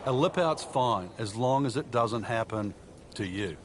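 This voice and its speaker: A man's voice: medium pitch, lively intonation, unhurried. A man working as a golf analyst in broadcast commentary, explaining things in a conversational way. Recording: outdoor crowd and background noise.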